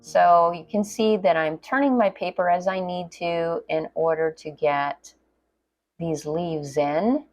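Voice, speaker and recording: A middle-aged woman talks through a watercolor tutorial in a relaxed, chatty voice-over, sitting a little low in pitch. She pokes fun at herself as she goes. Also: takes it slowly, muffled recording, faint music behind. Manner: chatty, self-deprecating, laughs at herself. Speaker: watercolor painting instructor.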